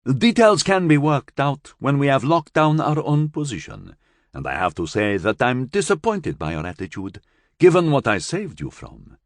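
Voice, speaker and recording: Smooth formal starship intelligence, dry irony, talks down a bit, raised voice, man doing it. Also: mid-range voice, wildly swooping pitch, normal speed, no room sound, pitched above the performer's own voice. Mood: cool. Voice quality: formal, dryly ironic. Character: suave male bitek starship mind, calm, formal.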